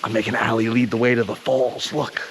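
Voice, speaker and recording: A man's voice: medium pitch, level tone, fairly quick, very noisy. A man chatting upbeat to a handheld camera as he narrates a hike on an outdoor trail. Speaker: vlogger and hiking guide. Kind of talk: casual trail vlog narration.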